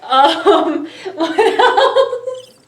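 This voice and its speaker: A woman's voice: very high voice, extremely slow. A woman hosting a casual live-stream game chat, telling stories with lots of laughter. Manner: laughs often, animated storyteller. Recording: echoey room, far from the mic.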